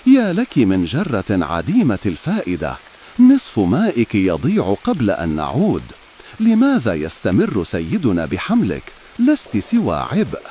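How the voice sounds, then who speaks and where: A man's voice: fairly low pitch, huge pitch swings, moderate pace, mellow, a little hiss or hum. A man voicing a proud, flawless clay jar that speaks in a mocking, sarcastic way in a storybook tale. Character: perfect clay jar, female, proud and scornful.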